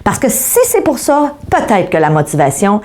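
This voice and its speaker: A woman's voice: mid-range voice, big pitch swings, normal speed, a little mellow. A middle-aged woman with a Québécois French accent gives an online coaching lesson, talking directly to viewers and asking them rhetorical questions. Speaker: motivational speaker.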